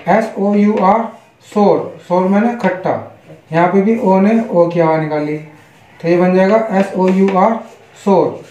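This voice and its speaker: Slow, high-voiced Indian English teacher. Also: male voice, mellow. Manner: spells words letter by letter, then gives Hindi meanings; slow, deliberate, repetitive teaching. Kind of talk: online English pronunciation lesson. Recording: echoey, dull lo-fi room.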